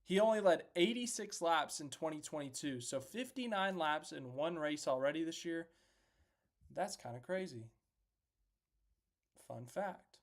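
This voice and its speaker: A man hosting a casual racing recap live stream, chatty and self-deprecating, reacting out loud as he works through standings on screen. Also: fairly high pitch. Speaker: host of a racing recap livestream.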